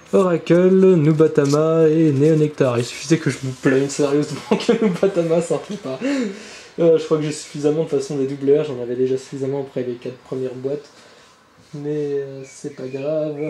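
Here a channel host rambles through a casual card-unboxing session, swearing now and then as he opens trading card boxes. His voice runs fairly high and warm, recorded with a roomy sound and a little background noise in an indoor room where birds can be heard outside.

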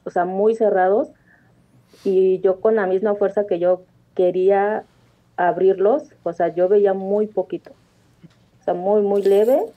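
A woman's voice: medium pitch, steady tone, a little slow. Woman caller on a tinny phone line. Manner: earnest, rambling with many restarts and fillers. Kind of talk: telling a personal story on a phone-in show.

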